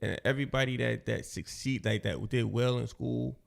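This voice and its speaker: A man's voice: mid-range voice, fairly even intonation, normal speed, vocal fry. A man in his forties co-hosting a podcast, talking loosely and slangily, rambling and restarting his sentences. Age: 40s. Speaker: podcast co-host. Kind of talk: casual podcast chat.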